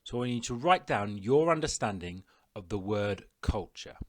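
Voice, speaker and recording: A man presenting a recorded classroom lesson, giving clear step-by-step instructions to pupils. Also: on the low side, animated, moderate pace. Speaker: teacher.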